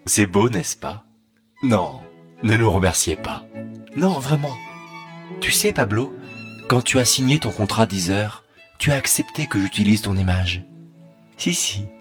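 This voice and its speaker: A man's voice: lowish voice, expressive, a little slow, long pauses, faint music behind. A man voicing a sardonic, menacing male artificial intelligence with a robot voice, mock-polite and sneering. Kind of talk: comedy sketch monologue.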